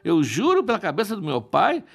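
A crafty newborn boy god with a syrupy, wheedling voice, piling on sweet little words to sound harmless, as a male storyteller puts him on. The voice sits well above the teller's own and leaps around in lively, animated swings, with a gravelly edge underneath. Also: high-pitched, a little fast, pitched above the performer's own voice, heavily acted. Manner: wheedling, piles on diminutives. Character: sly newborn boy god, innocent act.

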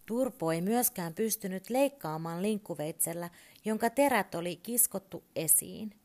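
A woman calmly and expressively reading a children's story aloud. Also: medium pitch.

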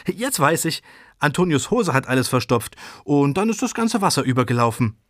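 A man's voice: a little high, big pitch swings, unhurried, a bit bright, no room sound, studio quality, voice pushed up, heavily acted. A man voicing a young girl who is firm and eager, earnest and a bit stammering in a read-aloud storybook. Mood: girlish, earnest.

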